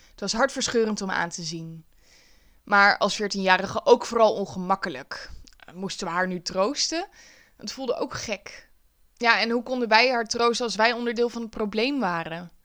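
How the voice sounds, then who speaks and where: A woman who now works as a teacher, telling a personal story in a wry, lively, self-mocking way. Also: mid-range voice.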